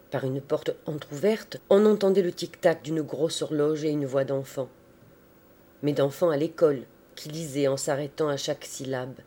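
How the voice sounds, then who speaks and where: A man narrating a literary story in a measured, expressive audiobook style. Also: on the high side.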